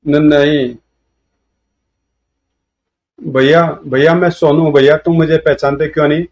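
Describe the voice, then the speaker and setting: A frail old man who insists he is a little boy, whining and begging to be loved, as a male reader puts him on. The voice sits a bit high, with a narrow, level pitch. The recording sounds dull and lo-fi. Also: flat delivery, measured pace, close to an everyday voice. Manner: childlike, whiny pleading. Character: old man over seventy acting like a pleading six-year-old boy. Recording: dull lo-fi audio.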